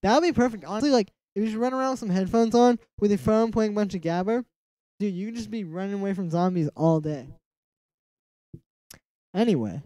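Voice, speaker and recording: Hosting a relaxed music production livestream from a small room in his home, a young man speaks in a nasal, high-pitched voice, a little fast. He wanders through his thoughts with plenty of "like" and mumbled self-asides, with no echo in the sound.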